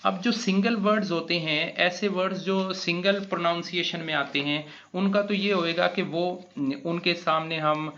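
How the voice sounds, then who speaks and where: A man's voice: high voice, fairly even intonation, normal speed, few pauses, a bit bright, a little hiss or hum. A man teaching an English grammar lesson, spelling words out letter by letter with frequent hesitant fillers. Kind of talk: classroom grammar explanation. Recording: dull lo-fi recording.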